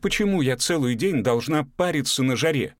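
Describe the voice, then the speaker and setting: A man voicing an irritable, sharp-tongued young woman who talks in a snappish way. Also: mid-range voice, expressive, normal speed, no room sound, studio quality, voice pushed up, close to an everyday voice. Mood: irritated.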